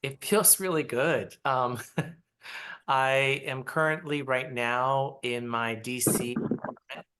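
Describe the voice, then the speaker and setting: A middle-aged man from Taiwan, answering interview questions on a video call in a reflective way with many pauses. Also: mid-range voice, sharp tone. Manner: unhurried, reflective, with frequent pauses and fillers. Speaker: interview guest, ballet artistic director. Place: small apartment.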